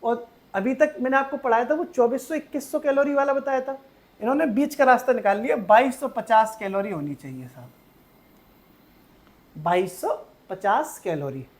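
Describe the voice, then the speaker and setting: A man teaching an online exam-prep lecture. He talks in a playful storytelling way, uses memory tricks, keeps checking whether the class is following, and swings between loud emphasis and quiet asides. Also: very high-pitched, moderate pace.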